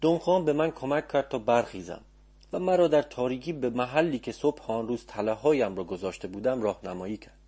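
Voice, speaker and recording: A man narrating an audiobook in a calm, measured storytelling manner. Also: medium pitch, husky.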